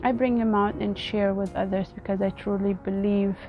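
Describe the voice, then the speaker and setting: A woman from Ethiopia, vlogging outdoors in an earnest, halting way and often repeating her words. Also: medium pitch, steady tone, muffled recording, faint music behind. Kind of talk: casual personal vlog talk.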